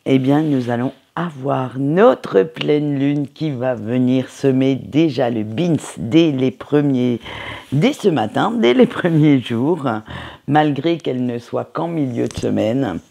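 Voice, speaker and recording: A woman with a fairly low, gravelly voice reads tarot cards for the week. She talks slowly and chattily, and often trails off into hesitations and little tags. The mic is close and the recording is solo. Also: lively intonation, warm tone. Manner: unhurried, chatty, many hesitations and tag words. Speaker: tarot card reader. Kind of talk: weekly tarot energy reading.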